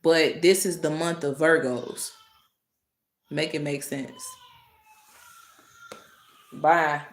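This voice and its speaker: Speaking very slowly in a low-pitched voice, a woman runs a live stream from an echoey room. She talks straight to her chat in a casual, animated way, clearly exasperated by the commenters.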